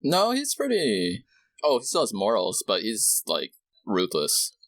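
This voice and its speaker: A man's voice: lowish voice, huge pitch swings, unhurried, fairly bright tone, no room sound, studio quality. A man co-hosting a podcast, chatting casually with wry interjections. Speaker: podcast co-host. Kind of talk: casual chat.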